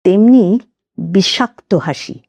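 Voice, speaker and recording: A woman narrating an audio story in a measured, dramatic way. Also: mid-range voice, dark tone, slightly rough, no echo.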